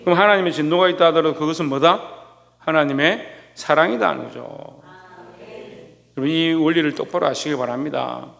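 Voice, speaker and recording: Korean pastor preaching in echoing church. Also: male voice, fairly high pitch, brisk, gravelly, fairly bright tone. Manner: rhetorical questions, calls on listeners by name. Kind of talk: sermon. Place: church sanctuary.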